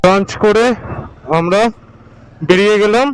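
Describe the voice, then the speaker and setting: A man's voice: high voice, fairly even intonation, measured pace, over loud music, poor audio. A man narrating a casual motorcycle travel vlog while riding, chatty and coaching his pillion with short repeated instructions. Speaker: motovlogger. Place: outdoors on a motorbike on the highway.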